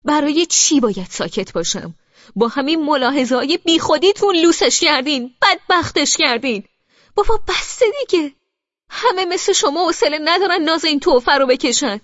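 Audiobook: woman doing enraged young brother, sarcastic shouting, raised voice, dry dull studio sound. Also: high-pitched, expressive, no room sound, pitched above the performer's own voice. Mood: furious scolding. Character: furious young man berating his sister.

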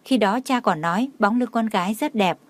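A woman narrating an audio novel in a steady, even reading. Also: mid-range voice, fairly quick, no room sound.

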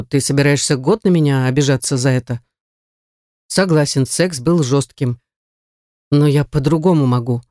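A reader voicing a hot-tempered, pushy young man with a lower, blunt and insistent delivery, in an audiobook. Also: darkish tone, no echo, clean studio sound, lightly acted. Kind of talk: audiobook character voice.

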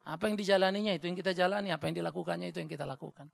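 A male pastor with a Batak accent preaching a sermon in a blunt, joking, animated way. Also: high-pitched, rapid-fire, vocal fry, no echo. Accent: Batak Indonesian.

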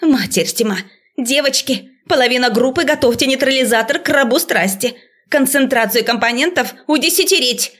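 A shrill, panicky professor of witchcraft in a fantasy audiobook, voiced by a woman narrator who raises her pitch. She barks orders loudly and hurriedly at her students. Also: normal speed. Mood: commanding. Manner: loud, barking orders.

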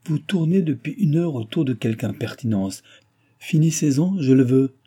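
A haughty young noblewoman issues commands with cool disdain, as a male reader puts her on. The voice sits well above the reader's usual register, yet keeps a husky, dark grain. It is an audiobook character voice. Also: fairly high pitch, expressive, moderate pace, pitched above the performer's own voice. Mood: disdainful. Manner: imperious, disdainful.

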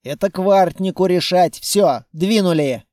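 Man reading curt squad leader, clipped, brusque, cold, high for a man, unhurried, audiobook. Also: dark tone, dry recording, studio quality.

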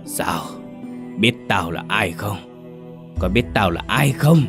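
A man voicing a male ghost possessing a young woman, with a deep gruff voice and a taunting, menacing manner. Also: lively intonation, moderate pace, close to an everyday voice. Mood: taunting menace. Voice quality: gruff, booming. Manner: taunting, mocking. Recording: dry close recording with faint music.

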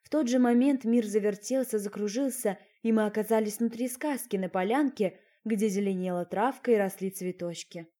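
Woman reading an audiobook, mellow voice. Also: mid-range voice, moderate pace, hardly any pauses. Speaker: audiobook narrator. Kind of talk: first-person audiobook narration.

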